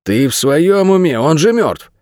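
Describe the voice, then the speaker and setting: A man's voice: mid-range voice, big pitch swings, fairly quick, a little mellow, dry recording, clean studio sound, pitched above the performer's own voice. A man voicing a weary, blunt male guard dog, speaking curtly in a raised voice. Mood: insistent.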